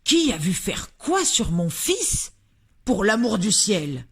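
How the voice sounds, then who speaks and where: A tall, furious mustached father, blustering and shouting, as a woman narrator puts him on for a storybook. The voice swings widely and gets very loud. His lines come out slow and heavy. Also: mid-range voice, big pitch swings, breathy edge, pitched above the performer's own voice, exaggerated voice. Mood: incredulous.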